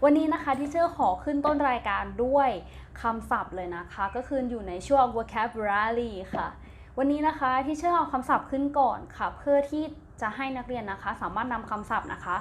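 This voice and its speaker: A woman's voice: fairly high pitch, lively intonation, a little fast, a little hiss or hum. A woman with a Thai accent teaching a primary English lesson, spelling words letter by letter, repeating each word twice, then giving its meaning. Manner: gentle, patient, ends phrases with polite particles. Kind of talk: slow recorded classroom lesson.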